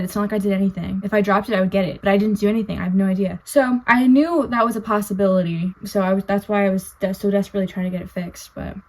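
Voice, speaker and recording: A woman's voice: mid-range voice, darkish tone, rough recording. A young woman vlogging, filming herself on her phone as a phone video, rambling and venting that she is upset. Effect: recorded as a phone video. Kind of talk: casual vlog talk to camera. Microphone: phone camera.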